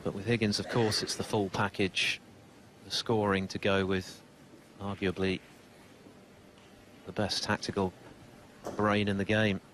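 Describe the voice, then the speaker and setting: A man's voice: fairly low pitch, level tone, measured pace, long pauses, background noise. A man giving snooker commentary in articulate, formally phrased, considered sentences. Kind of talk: sports commentary. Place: live snooker broadcast commentary.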